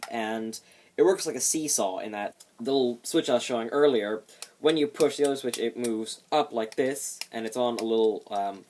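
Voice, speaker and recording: A man's voice: mid-range voice, a little mellow, a little hiss or hum. A man giving a casual hands-on demonstration of a homemade build, explaining it with light self-deprecation.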